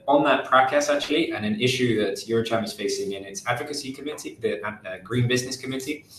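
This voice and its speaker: Brief: male moderator, lowish voice, measured delivery, echoey call sound with faint hum. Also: fairly bright tone. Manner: measured, reads audience questions. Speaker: webinar moderator. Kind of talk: moderating webinar Q&A. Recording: roomy video-call audio with faint hum.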